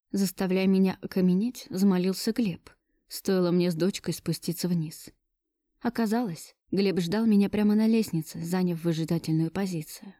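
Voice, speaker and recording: Warm-voiced woman narrating a romance. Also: medium pitch, no echo, studio quality. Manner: dramatic, emotional storytelling. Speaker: audiobook narrator. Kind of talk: first-person romance narration.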